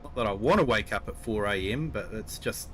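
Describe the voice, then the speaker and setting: A man's voice: on the low side, expressive, brisk, a little hiss or hum. A man with a New Zealand accent chatting casually with viewers while streaming a game. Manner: easygoing, chatty, answering viewers. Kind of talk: casual live-stream chat.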